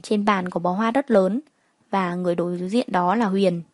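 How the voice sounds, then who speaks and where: A young woman narrating a first-person story in a calm, plain way. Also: on the low side, normal speed, dry recording.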